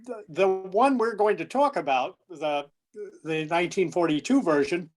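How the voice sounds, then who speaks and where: A man with a high, expressive voice co-presents a lecture that is prepared yet conversational. His phrasing is measured and deliberate.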